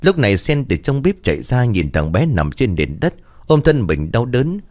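A man's voice: medium pitch, big pitch swings, moderate pace, darkish tone. A man narrating a ghost story in a dramatic reading style, voicing every character himself.

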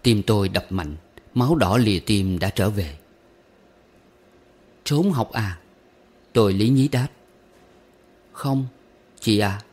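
A man narrating a short story as an audiobook, wistful and gently humorous, slipping into recited verse. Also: on the low side, expressive, unhurried, pauses often, slightly rough.

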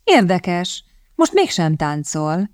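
A woman reading the part of a sneering, smooth-talking English lord who flatters and mocks. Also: high-pitched, no room sound, clean studio sound. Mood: sly flattering. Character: sneering lecherous English lord, middle-aged.

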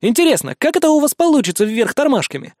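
A man voicing a bold, defiant schoolboy wizard with a brash, ringing way of shouting. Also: very high-pitched, wildly swooping pitch, normal speed, dry recording, clean studio sound, voice pushed up, full character voice. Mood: mocking.

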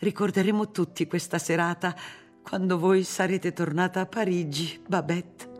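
A reader voicing an elderly, gentle, pious spinster in a storybook, in a somewhat higher voice. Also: fairly even intonation, moderate pace, soft background music, natural voice. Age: older.

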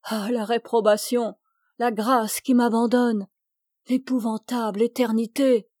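A woman's voice: a little high, little pitch movement, measured pace, darkish tone, dry recording, studio quality. A woman voicing an anguished dying young man. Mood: pleading. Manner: pleading, anguished. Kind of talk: audiobook reading.

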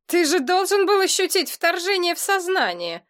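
A woman's voice: very high voice, very animated, moderate pace, a bit bright, pitched above the performer's own voice, exaggerated voice. A woman doing a scolding demon uncle. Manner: scolding, sarcastic. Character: gruff middle-aged male demon clan head, exasperated uncle. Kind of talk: audiobook character reading.

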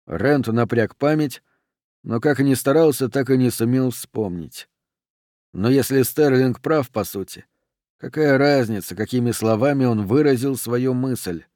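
A man narrating an audiobook in an even, unhurried reading voice. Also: mid-range voice, no room sound, clean studio sound.

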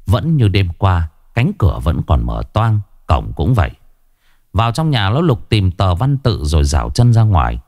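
A man narrating a ghost story in an expressive, animated reading. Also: low-pitched, normal speed, no echo, studio quality.

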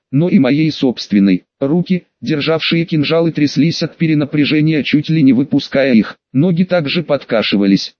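A man with a fairly high voice narrating an audiobook in a steady, measured way. The recording is dry and dull, with a lo-fi sound. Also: no echo. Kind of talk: scripted first-person audiobook narration.

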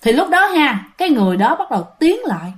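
A woman tells a ghost story in a chatty way, often speaking straight to her listeners. Her voice sits fairly high and swings widely in pitch. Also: very animated, fast. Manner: chatty, addresses listeners directly.

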